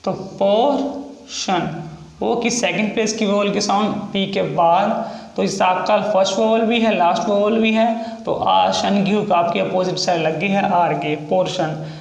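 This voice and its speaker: A man teaching a shorthand lesson, explaining rules step by step and drawing out each example word slowly as he repeats it. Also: high-pitched, steady tone, vocal fry, reverberant, low-quality recording. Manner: slow, drawn-out repetition of example words.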